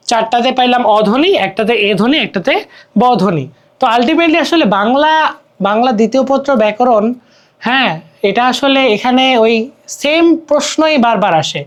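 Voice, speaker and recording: A young man with a Bangladeshi Bengali accent teaching an exam-prep grammar lesson, explaining step by step and repeating words while asking checking questions. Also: extremely high pitch. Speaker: tutor.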